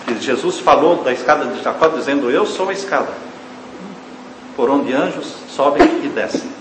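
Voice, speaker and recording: A man preaching a sermon, leaning hard on key words, then dropping to a hushed, low voice, and calling the congregation his dear ones. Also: normal speed, slight background noise. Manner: emphatic preaching, swings from loud stressed words to hushed low phrases. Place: church hall. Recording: echoey church hall, faint ambience.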